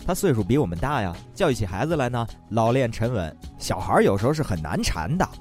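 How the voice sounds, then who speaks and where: A man with a Northeastern Mandarin accent hosting a radio comedy, telling stories in a teasing, lively way. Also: mid-range voice, fast talker. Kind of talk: comic storytelling. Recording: faint background music.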